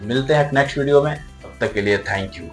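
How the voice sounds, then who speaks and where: A man's voice: medium pitch, fairly quick. A man giving a video lesson on communication, explaining point by point with emphasis and mixing in English terms. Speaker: communication skills trainer. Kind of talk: lecture-style video lesson. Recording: faint background music.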